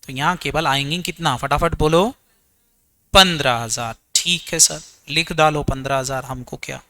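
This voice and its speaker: A man's voice: steady tone, normal speed, pushed and bright. A man teaching an accounts revision class, firing questions at students and answering them himself. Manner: quizzes students, answers his own questions in a low voice; mixes English terms into Hindi. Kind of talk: exam revision lecture.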